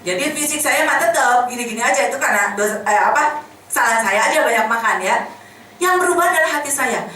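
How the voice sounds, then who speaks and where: A woman's voice: on the high side, pushed and bright, slight background noise. A woman giving a conversational sermon, asking the congregation questions and acting out little scenes. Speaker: preacher. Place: church hall. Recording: echoey hall, voice from a distance.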